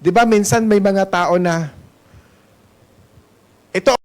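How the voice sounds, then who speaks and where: A man's voice: high-pitched, takes it slowly. A man with a Filipino accent preaching a Sunday sermon as pastor. He mixes Tagalog and English and keeps asking the congregation questions. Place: church service hall.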